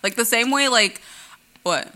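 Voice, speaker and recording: A woman's voice: on the high side, a little slow, pushed and bright. A young woman co-hosting a casual podcast chat, talking in a chatty way with many fillers and frequent laughs. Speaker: podcast co-host.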